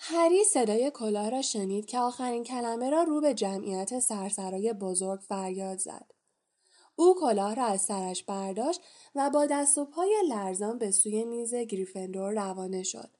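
A woman reading a storybook aloud as an audiobook narrator, calm and measured. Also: medium pitch.

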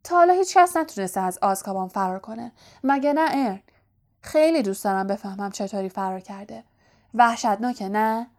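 A woman voicing Stan, an excitable, gossipy young male bus conductor who keeps asking for agreement. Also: medium pitch, natural voice.

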